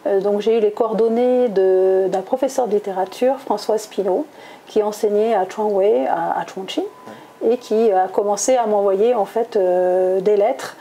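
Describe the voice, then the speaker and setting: Speaking as an interviewee, this woman, a middle-aged executive recruiter from Toulouse, southwest France, responds in a chatty way full of pauses and self-corrections. She has a medium-pitched, mellow voice, takes her time, and there's slight background noise.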